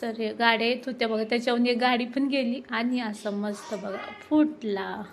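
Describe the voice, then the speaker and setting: A chatty, excited woman in her thirties with a fairly high voice talks straight to her viewers while she films a family ceremony at home. She is recording on a handheld phone. A faint noise runs under her voice. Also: moderate pace. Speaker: vlogger. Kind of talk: casual vlog narration. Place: at home during a family ceremony, indoors and outdoors.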